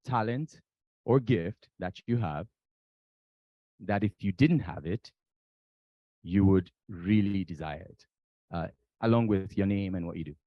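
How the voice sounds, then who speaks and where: A man moderating a conference panel, posing a question slowly and deliberately and repeating it for the room. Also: low voice, no room sound, highs cut off.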